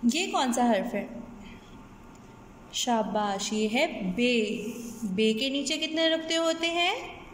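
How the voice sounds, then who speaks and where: A woman's voice: high-pitched, lively intonation, takes it slowly, long pauses, big-room sound, slight background noise. A woman teacher, patiently teaching young children, often asking the class questions and checking they follow.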